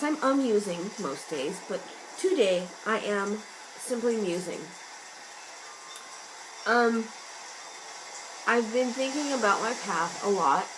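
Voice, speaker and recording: A woman with a hoarse, fading voice muses aloud in a loose, self-mocking vlog chat at an average pitch. Rain and thunder sounds play loudly behind her throughout. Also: noisy background. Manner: chatty, meandering, self-mocking. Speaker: vlogger. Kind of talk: casual musing vlog. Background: rain and thunder ambience sounds.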